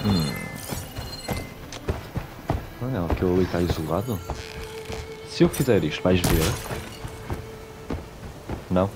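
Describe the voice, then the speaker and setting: Chatty European Portuguese gamer over loud music. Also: male voice, low-pitched, lively intonation, slow, long pauses. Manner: chatty, talks to the game, swears when tense. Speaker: gaming streamer. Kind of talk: casual gameplay commentary.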